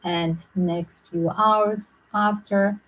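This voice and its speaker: A woman tarot reader talking to her viewers in a loose, rambling way, often filling pauses with "like". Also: medium pitch, fairly even intonation, a bit bright, low-quality recording. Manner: rambling, frequent "like" fillers. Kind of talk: casual speculative monologue to viewers.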